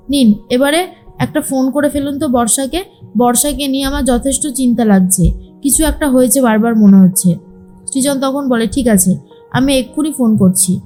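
Female narrator for a soap recap: fairly high, mellow delivery over soft background music. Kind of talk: storytelling recap of a TV serial, quoting characters.

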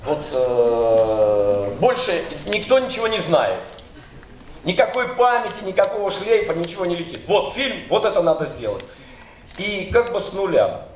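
This middle-aged dubbing director has a high-pitched, sing-song voice and a moderate pace, with slight background noise in the recording. He gives a loose seminar talk on a large hall's stage with a handheld mic, filling it with fillers and restarts. The sound is echoey, recorded at a distance from the audience.

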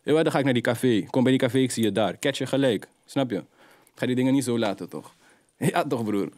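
A man's voice: medium pitch, fast, dry recording. Slangy young man telling stories. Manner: animated, slang-heavy street storytelling. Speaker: guest rapper. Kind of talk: casual interview storytelling.

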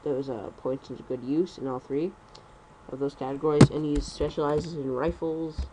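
A young man rambling through casual gameplay commentary at home on a computer mic, talking fast and correcting himself. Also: a little high, steady tone, heavy background noise. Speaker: gaming commentator.

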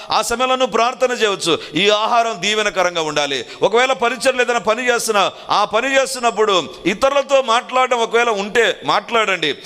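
A man's voice: high-pitched, pushed and bright. A man preaching a sermon earnestly, repeating phrases for emphasis and slipping in English lines.

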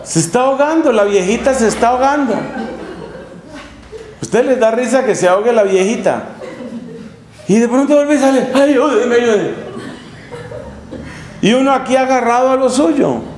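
High-voiced friar preaching. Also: male voice, normal speed, pauses often. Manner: lively storytelling, acts out scenes with humor. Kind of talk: sermon. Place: chapel in a monastery. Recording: echoey room, faint hum.

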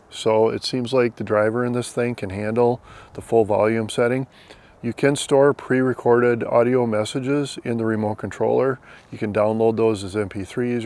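A man in his fifties reviews and flies a drone on an open lawn, speaking with an American accent in a plainspoken, explanatory, conversational style. His voice is medium-pitched and a little mellow, and the outdoor recording carries background noise.

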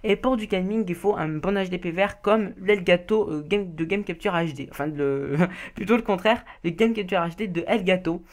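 A woman's voice: lowish voice, normal speed. A woman giving casual beginner tips as a voice-over, reading from notes, often stumbling, restarting and laughing at her own slips. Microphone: home recording mic.

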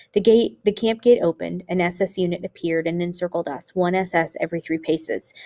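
Woman, audiobook narrator, teacher, steady measured reading, lowish gravelly voice. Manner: steady, measured reading with occasional small slips.

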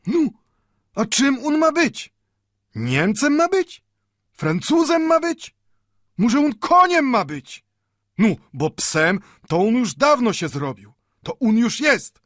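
Brief: an old bookbinder with a Yiddish accent, high and lively, proud and fervent, in a storybook reading. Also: male voice, unhurried, breathy edge, no room sound, studio quality. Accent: Yiddish-inflected Polish. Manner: pleading, rhetorical questions, rising to fervor. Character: old male bookbinder, impassioned, wry, proud.

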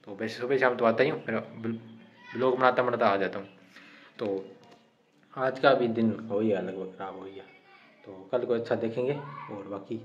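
A man, rambling casually to camera in a daily vlog, often starting his lines with "to". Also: mid-range voice. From India. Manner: chatty, repetitive, starts lines with "to". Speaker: vlogger. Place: outdoors by a house, then inside a small temple. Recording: dull lo-fi phone audio, faint background noise.

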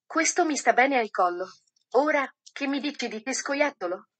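A woman voicing a kind, hopeful young male snowman in a storybook, soft and friendly. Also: high-pitched, lively intonation, normal speed.

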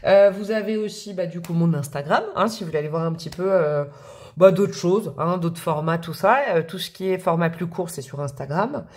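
A woman's voice: on the low side, a little fast, a little mellow. Chatty woman reading tarot. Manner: chatty, rambling, with fillers and laughs. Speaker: tarot reader.

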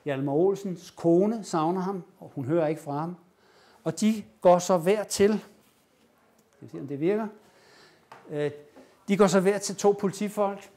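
Man, lecturer, fairly high voice, animated storytelling, acted-out quotes. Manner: animated retelling, acting out quoted lines. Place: lecture room.

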